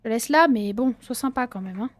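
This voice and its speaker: Brief: woman gaming creator, casual horror-game commentary, playful and loose-mouthed, voice a touch high. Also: fairly quick, no echo. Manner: chatty, jokey, talks back to game characters; casual swearing and slang. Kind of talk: let's-play commentary.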